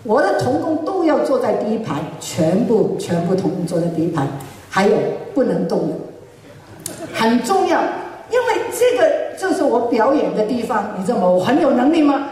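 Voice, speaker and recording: A woman preacher telling a personal testimony in a sermon, animated and often laughing as she speaks. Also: a little high, normal speed. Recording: echoey hall, mic far off.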